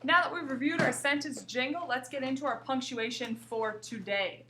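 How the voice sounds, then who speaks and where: A woman teacher giving a recorded grammar lesson to young pupils, explaining slowly and reading example sentences aloud. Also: high-pitched, noisy background. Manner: slow, clear explaining with examples read aloud. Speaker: grade school teacher.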